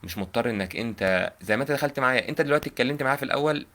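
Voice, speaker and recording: A man's voice: medium pitch, expressive, racing, a bit bright, slight background noise. A young man with an Egyptian accent giving earnest, informal advice on a live call. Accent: Egyptian Arabic. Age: young adult. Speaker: prank caller giving advice.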